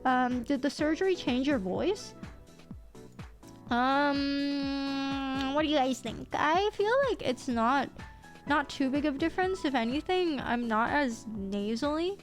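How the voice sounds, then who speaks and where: A young woman chats through a live stream in a rambling, self-teasing way. Her voice sits a little high and somewhat nasal, with a slight lisp and a hint of a cold. Soft music plays faintly behind her. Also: lively intonation, slow. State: a little sick. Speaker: VTuber streamer. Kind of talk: casual live-stream chat.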